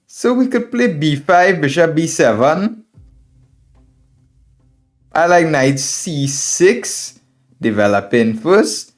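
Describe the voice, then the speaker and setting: A man from Trinidad and Tobago with a Trinidadian accent, a chess streamer and instructor, gives live game commentary while thinking aloud, repeating phrases and calling viewers his friends. His voice is on the high side and very animated, slow-paced with frequent pauses. Background music plays behind him.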